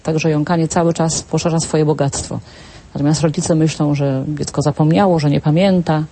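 A woman speech therapist explains stuttering in calm, clinical terms. Her voice is mellow and a little husky. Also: sits low, moderate pace. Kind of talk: expert explanation on a talk show.

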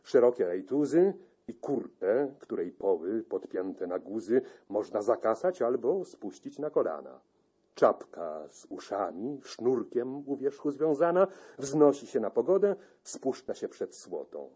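A man narrating a classic narrative poem in a measured, expressive recitation. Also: mid-range voice, slightly rough.

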